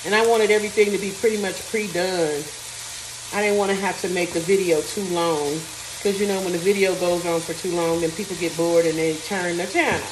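A cooking vlogger with a fairly low voice and fairly even intonation chats casually and a little fast while cooking in her home kitchen, thinking aloud and reading out recipe steps. The kitchen is echoey and the mic distant, with sizzling and stirring from a frying pan in the background.

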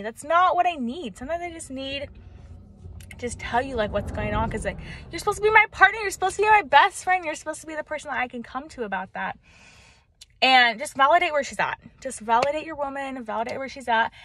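A young woman vlogging relationship advice outdoors in the mountains, animated and chatty, speaking around braces. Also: high voice, a little hiss or hum. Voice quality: talks around braces, sucking back saliva. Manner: animated, chatty, lots of fillers. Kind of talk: casual talk to camera. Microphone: camera.

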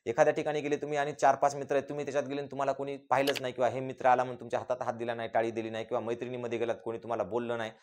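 A man's voice: mid-range voice, flat delivery, racing, hardly any pauses, a little mellow. A man from rural Maharashtra giving a motivational talk, emphatic and full of repeated rhetorical questions he answers himself. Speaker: motivational speaker.

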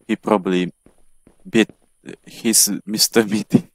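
A man's voice: lowish voice, little pitch movement, takes it slowly, no room sound. A man commentating on a horror game as he plays, joking and chatting to an in-game companion. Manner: jokey, chats to an in-game companion. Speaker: gamer playing a horror game. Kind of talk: let's play commentary.

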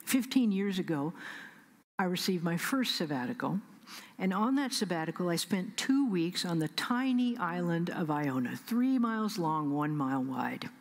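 A middle-aged woman pastor with a Midwestern American accent, preaching a sermon at a pulpit microphone, measured and emphatic, with slow pauses and soft whispered asides. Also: on the low side, expressive. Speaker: senior pastor. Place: large church sanctuary. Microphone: pulpit stand mic. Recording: long church reverb.

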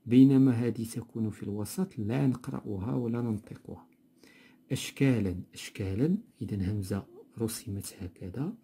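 A man with a Moroccan accent teaching a grammar lesson from a textbook, explaining slowly and repeating words. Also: on the low side, mellow, slightly rough. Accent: Moroccan Arabic. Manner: explanatory, repeats words slowly, mixes dialect with standard Arabic.

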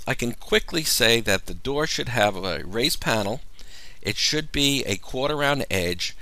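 A man giving a measured, step-by-step software tutorial as a voice-over. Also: sits low. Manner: measured, explanatory walkthrough. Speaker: software demonstrator. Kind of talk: screen-recorded software tutorial.

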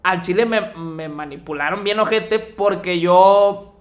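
A man's voice: high-pitched, a little slow, muffled recording. A young man with a Mexican Spanish accent, co-hosting a podcast and telling a story in casual, slangy chat, acting out the quotes. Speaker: podcast co-host.

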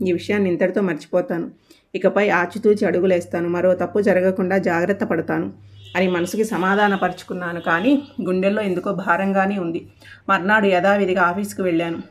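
A woman with a Telugu accent, narrating a first-person audio story in an earnest, steady way. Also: mid-range voice.

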